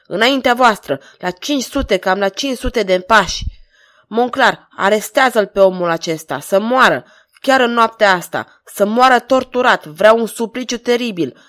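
Woman reading an enraged cruel king, loud barked orders, storybook villain. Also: fairly high pitch, close to an everyday voice. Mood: angry commanding.

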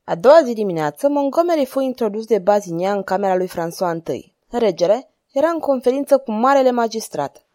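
A woman reading a historical novel aloud as an audiobook narrator, calm and even. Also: a little high, dry recording, clean studio sound.

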